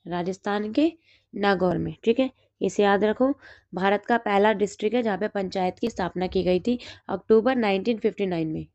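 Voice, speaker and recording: A woman with a hoarse throat, teaching exam notes and asking and then answering her own quick questions. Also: mid-range voice, darkish tone, dry recording, highs cut off. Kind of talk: reading through study notes.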